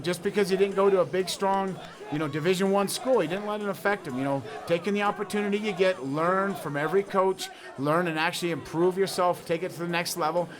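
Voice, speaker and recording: Halting male wrestling color commentator. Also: high-pitched, a crowd in the background. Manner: halting, many fillers like "you know" and "uh". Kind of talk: sports commentary. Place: outdoor urban event.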